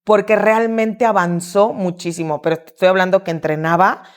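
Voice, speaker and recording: Animated woman telling stories. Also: medium pitch, moderate pace. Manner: lively, quotes herself and her son. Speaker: guest, gymnastics coach and sports mom. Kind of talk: casual interview storytelling.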